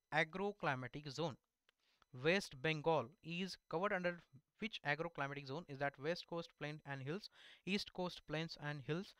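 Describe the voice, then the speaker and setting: A man's voice: on the high side, a bit bright, clear, resonant tone, no echo. A young man with an Indian accent teaching through exam questions as an online tutor, repeating answers and slipping in Hindi asides. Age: young adult. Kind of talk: lesson going through mock test questions. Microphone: headset.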